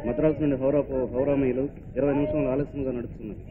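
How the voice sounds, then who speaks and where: A man playing a railway station announcer who reads a formal train station announcement over a loudspeaker in a flat, hurried way. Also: medium pitch. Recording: tinny distant loudspeaker with noise.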